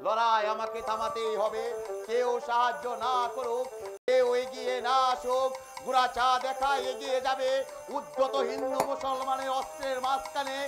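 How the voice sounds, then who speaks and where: A man's voice: very high voice, completely flat delivery, moderate pace, over music. A man playing an earnest, defiant young patriot in Bengali folk theatre, declaiming formally and passionately with a Bengali accent. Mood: solemn, resolute. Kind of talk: historical Bengali jatra folk theatre acting.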